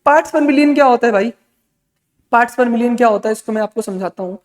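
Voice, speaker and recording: This exam-prep chemistry lecture comes from a man whose voice is very high-pitched and whose speed is normal. He addresses students as "beta," mixes in English terms, and answers the questions he poses himself. Long reverb marks the echoey room.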